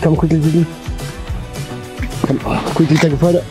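A man on a float tube on an open lake, excitedly coaxing a trout in and chatting to his friend. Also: a little high, normal speed, over music. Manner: coaxing, excitable, talks to the fish. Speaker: angler landing a fish. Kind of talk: excited casual fishing chatter. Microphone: action camera on the boat.

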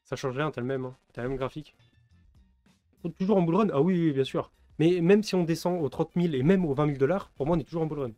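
A man's voice: a little high, quick pace, warm tone, no echo, soft background music. A man in his twenties from France, rambling through casual live-stream commentary, laughing often and answering chat. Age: 20s.

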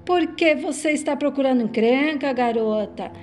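A jealous, threatening man, read out by a woman with a high, mellow voice. The lines come quick and plain, with little acting. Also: soft background music, close to an everyday voice. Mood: blustering.

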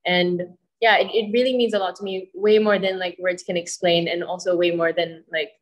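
A woman's voice: lowish voice, steady tone, moderate pace. Young woman with a lilt. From born in the Philippines, grew up in Singapore. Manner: thoughtful, searching for words, mixing English and Tagalog. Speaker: singer at press conference. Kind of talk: press conference answer. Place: indoor press event, panel at a table. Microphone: handheld mic.

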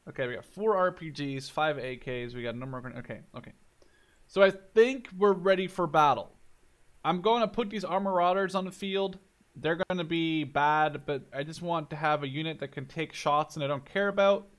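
Over indoor gameplay footage, a Dutchman based in Canada, in his twenties, casually talks through his thoughts, cursing freely. As a gaming video host, he speaks at a moderate pace in a voice on the high side.

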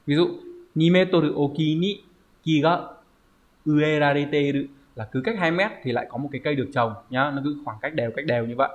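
A man's voice: fairly high pitch, fairly quick. A man teaching a Japanese vocabulary lesson online, explaining step by step and often checking with "right?". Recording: dull lo-fi recording.

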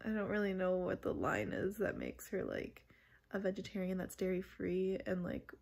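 A woman's voice: mid-range voice, very animated, moderate pace, vocal fry, a little mellow. A young woman chatting casually in a home baking vlog, upbeat and rambling with lots of asides, recorded on a phone camera at home. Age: young adult. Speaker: vlogger. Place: living room couch, then home kitchen.

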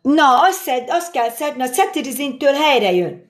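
Middle aged woman chatting away on a phone live stream from a kitchen, thanking everyone as she cooks, voice a bit on the high side. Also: expressive. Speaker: livestream host. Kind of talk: casual live-stream chat while cooking. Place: home kitchen at her daughter's. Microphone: phone camera.

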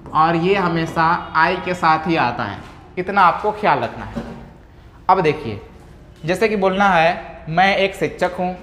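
High-voiced man teaching in an echoey room. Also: fairly bright tone. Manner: slow, drawn-out model sentences repeated for practice; encouraging, addresses students directly. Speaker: English teacher. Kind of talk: Hindi-medium spoken English lesson. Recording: echoey room with faint ambient noise.

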